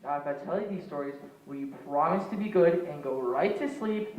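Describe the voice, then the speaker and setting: A man's voice: on the high side, animated, fairly quick, muffled recording, close to an everyday voice. A man acting a tired father coaxing his children to bed in a school stage play, with an exasperated, pleading way of talking. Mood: weary. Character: weary young dad putting kids to bed. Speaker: stage actor. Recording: echoey stage from far off, noise.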